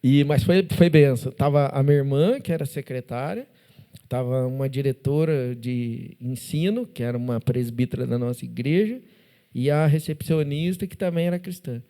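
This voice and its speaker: A man with a Brazilian Portuguese accent, a podcast guest telling faith stories in a casual, animated way, acting out dialogue and tagging sentences with "né?". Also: medium pitch, moderate pace. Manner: animated, acts out dialogue, constant "né?" tags. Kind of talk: casual testimony storytelling. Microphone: studio podcast mic.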